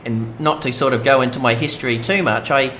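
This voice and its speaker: A man's voice: medium pitch, steady tone, fairly quick, a bit bright. A man with an Australian accent giving casual, rambling let's-play commentary as a game streamer. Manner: chatty, rambling, many fillers. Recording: noisy home stream audio.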